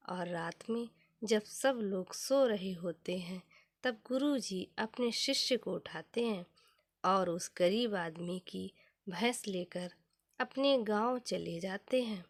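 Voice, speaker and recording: A woman narrating a scripted motivational story as a storyteller, in measured, deliberate short phrases. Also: medium pitch, no room sound, clean studio sound.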